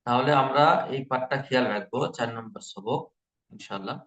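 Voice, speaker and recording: A man teaching Quran recitation in an online lesson, patiently repeating each letter sound slowly for learners. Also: mid-range voice, a bit bright, roomy sound.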